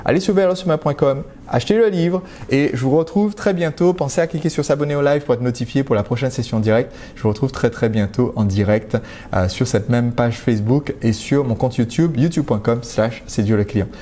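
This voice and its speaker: A man's voice: mid-range voice, fairly quick, warm tone. A man from France hosting a live stream, talking to viewers in a chatty, direct way with frequent hesitations and restarts. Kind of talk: casual live-stream talk.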